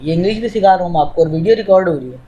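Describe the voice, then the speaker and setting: Higher-pitched man teaching step by step. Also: animated, racing, dark tone, rough recording. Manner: informal, explains step by step while addressing a student. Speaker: English teacher. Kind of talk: live teaching with screen demonstration.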